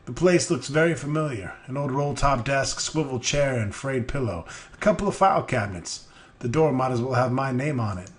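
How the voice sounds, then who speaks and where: A man reading a game's narration aloud in a deadpan delivery, breaking in with profane, mocking jokes as a let's player. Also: medium pitch, normal speed. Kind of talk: reading game text aloud with crude jokes.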